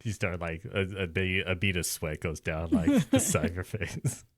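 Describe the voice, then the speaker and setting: Male game master, low voice, rambling narration, dry recording. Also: huge pitch swings, moderate pace, no room sound. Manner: rambling, many uh fillers and restarts.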